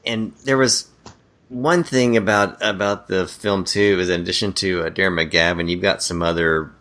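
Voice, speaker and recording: A podcast co-host with a deep, steady, slightly bright voice chats casually and animatedly about bad movies at a moderate pace. He retells scenes and quotes lines as he goes.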